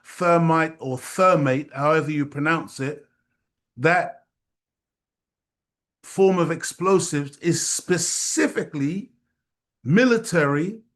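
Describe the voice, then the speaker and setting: A male host giving casual, reflective commentary on a lecture being played. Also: a little high. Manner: unhurried, reflective asides. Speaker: study group host.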